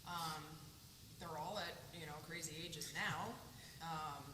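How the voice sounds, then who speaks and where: A woman's voice: deep voice, slow pace. Woman, middle-aged, chatty, echoey room, background noise. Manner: chatty, lots of fillers and "yeah". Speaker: client giving a testimonial. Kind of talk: casual interview.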